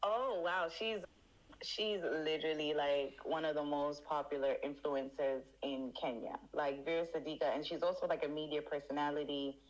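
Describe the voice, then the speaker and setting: A woman co-hosting a podcast, chatting and explaining in a relaxed way. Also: deep voice, moderate pace, muffled recording. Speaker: podcast co-host. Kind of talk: casual chat.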